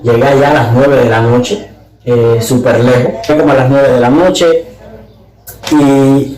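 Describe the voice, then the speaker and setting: Fervent man sharing his testimony. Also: a little mellow. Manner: earnest, fervent, rises in pitch when moved. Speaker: guest giving testimony. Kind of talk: emotional testimony. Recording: echoey room.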